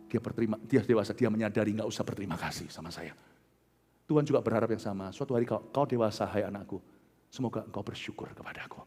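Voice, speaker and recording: A middle-aged man with an Indonesian accent preaching a sermon as a pastor, telling stories with loud outbursts and soft low asides. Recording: large hall with long reverb.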